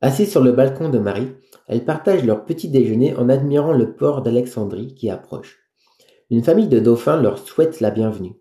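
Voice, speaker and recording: A man reading a novel aloud, calm and careful, pausing to check spelling. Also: medium pitch. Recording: roomy echo.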